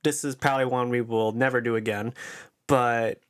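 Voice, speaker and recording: Young man, podcast co-host, casual chat, hesitant, lots of fillers, mid pitch. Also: steady tone, moderate pace, clean tone. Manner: laid-back, hesitant with many fillers.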